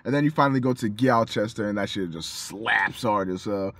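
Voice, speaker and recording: A man co-hosting a casual music review chat, animated and profane, acting out his own reactions. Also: lowish voice, fairly quick. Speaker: co-host of a music review show.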